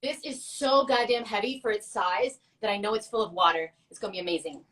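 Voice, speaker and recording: A woman's voice: medium pitch, brisk, fairly bright tone, recorded from a distance, poor audio. A woman co-hosting a casual chat, talking in a chatty, playful way with laughing asides. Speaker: co-host.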